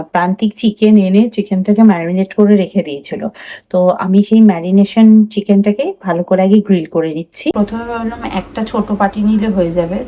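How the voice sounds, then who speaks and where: A woman's voice: mid-range voice, mellow. Chatty Bengali woman vlogging at home. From India. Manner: chatty, talks to viewers while cooking, mixes in English words. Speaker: family vlogger. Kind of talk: casual vlog narration.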